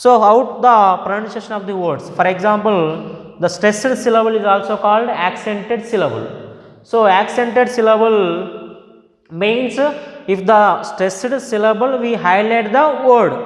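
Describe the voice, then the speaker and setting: A male teacher with a Telugu accent, giving a slow classroom lesson in English and Telugu, repeating each word aloud. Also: high-pitched. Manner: slow, drawn-out, repeating words to model stress. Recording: echoey hall with long reverb.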